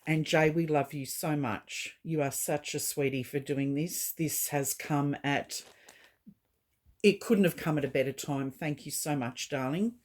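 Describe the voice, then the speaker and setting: A low-pitched woman talks slowly and softly, filling her pauses with gentle ums. She hosts a doll collecting vlog, chatting through an unboxing in a halting, heartfelt way. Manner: gentle, halting, with frequent fillers. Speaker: doll collecting channel host.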